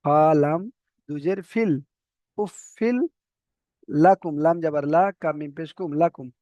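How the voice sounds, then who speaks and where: A man teaching Quran reading, spelling out syllables slowly one by one and often checking that the students follow. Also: fairly high pitch, no echo, lo-fi sound. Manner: slow, drawn-out letter-by-letter spelling with repeated checks. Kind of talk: spelling-out recitation lesson.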